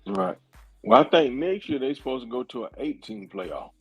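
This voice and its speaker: A man's voice: mid-range voice, expressive, normal speed, a bit bright, husky, soft background music. A man joining a casual podcast chat as a guest, easygoing and friendly.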